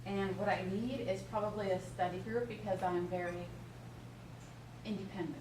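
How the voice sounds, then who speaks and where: A young woman gives an informal student introduction. She sounds far from the mic in an echoey room with clear background noise. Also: medium pitch, steady tone, moderate pace. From Minnesota.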